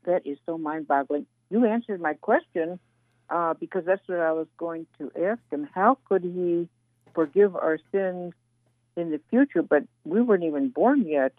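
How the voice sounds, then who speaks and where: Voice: mid-range voice, normal speed, dry recording. A radio show host who eagerly affirms the guest and asks follow-up questions. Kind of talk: radio call-in talk show. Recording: tinny phone-like radio audio.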